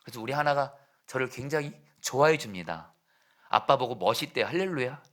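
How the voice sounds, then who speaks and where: A middle-aged man preaching a sermon as a pastor, swinging from loud exhortation to hushed whispers and putting questions to the congregation. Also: mid-range voice, animated, a little fast.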